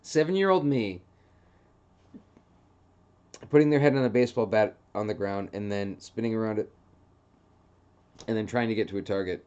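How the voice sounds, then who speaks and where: A man's voice: lowish voice, steady tone, a little fast, mellow, smooth, lo-fi sound. A young man rambling through a casual solo monologue, full of filler phrases, as the host of his own show. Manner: meandering, heavy on filler phrases. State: hiccups. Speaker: podcast host.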